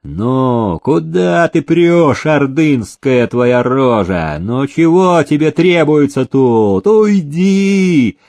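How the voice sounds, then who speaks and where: A gruff, rude soldier barking at a crowd in a read-aloud tale, as a male narrator plays him. He shouts in a raised, strained pitch, slow and heavy on each word. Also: big pitch swings, dry recording, studio quality, exaggerated voice. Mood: angry. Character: gruff, angry male soldier guarding a door.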